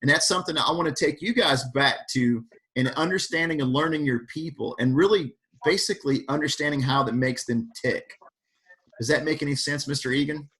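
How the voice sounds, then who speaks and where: Man, fairly high voice, energetic motivational talk, calls on people by name, video call. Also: brisk. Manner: animated, questions the audience by name. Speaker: fire service speaker leading an online workshop.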